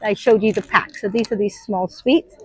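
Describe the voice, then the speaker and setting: A Sri Lankan nursery teacher in her thirties narrates a casual vlog to camera in a busy airport's shops and seating area. Her medium-pitched, darkish, husky voice has fairly even intonation and a moderate pace. She's chatty and explanatory with frequent ums, and there's no room sound.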